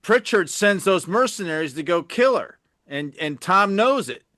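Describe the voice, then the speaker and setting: A man summarizes a film plot on a podcast, keeping a steady pace and filling gaps with "you know". His voice is fairly high and sharply bright. The recording is dry and close to the mic. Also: normal speed, dry recording. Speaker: podcast co-host. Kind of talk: casual film discussion.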